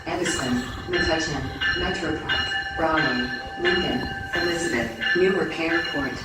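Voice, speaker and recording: Low-voiced woman over a station intercom. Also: loud music behind the voice. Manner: measured, listing stops one by one. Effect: over the station intercom loudspeakers. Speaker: station announcer. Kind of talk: public address train announcements. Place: outdoor train station platform. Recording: echoey loudspeaker heard from far off, loud train noise.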